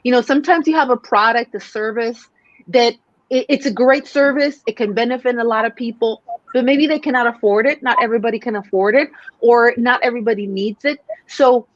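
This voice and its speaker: Speaking briskly in a voice on the high side, this forties-aged woman from Mexico, a native Spanish speaker, shares stories with earnest energy and frequent fillers as a sales coach guest. The chat is a casual interview, captured with no room sound in dull lo-fi audio.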